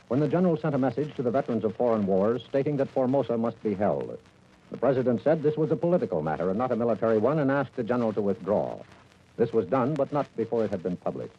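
A muffled, faintly noisy vintage radio recording carries an American man's voice. He narrates scripted news like an old newsreel, formal and measured, with dramatic weight in a medium register. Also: medium pitch.

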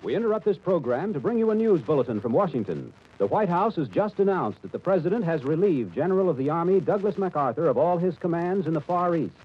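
An old radio news bulletin, read by a man who rushes through it with urgency. His husky voice sits fairly high and jumps around a lot. The broadcast sound is dull and muffled. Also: sing-song. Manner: urgent, rapid announcing. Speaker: radio announcer.

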